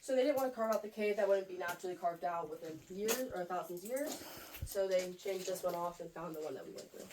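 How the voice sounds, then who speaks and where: A woman's voice: lowish voice, fast talker. A woman working as a cave guide, explaining things informally to a tour group in an echoing cave. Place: inside a cave. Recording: echoing cave, faint background noise.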